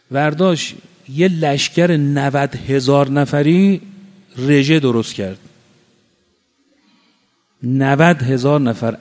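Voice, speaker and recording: A man's voice: fairly high pitch, a little mellow. Male preacher, fervent sermon delivery with rhetorical questions and chanted quotes, long hall reverb. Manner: impassioned, rhetorical questions, chanted Arabic quotations. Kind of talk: religious sermon.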